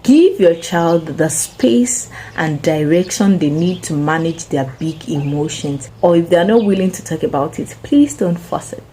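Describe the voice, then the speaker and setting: A young woman speaks slowly in a low, mellow voice as she hosts a parenting channel. Her tone is earnest and gentle, and she addresses parents directly with advice. She never hurries. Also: expressive, a little hiss or hum, low-quality recording. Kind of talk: spoken parenting advice to camera.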